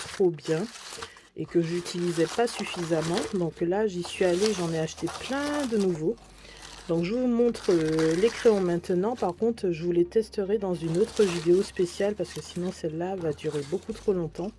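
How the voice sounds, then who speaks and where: A woman's voice: lowish voice, noisy background. A woman vlogger chatting casually through a shopping haul, gushing about each purchase. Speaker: beauty and lifestyle vlogger.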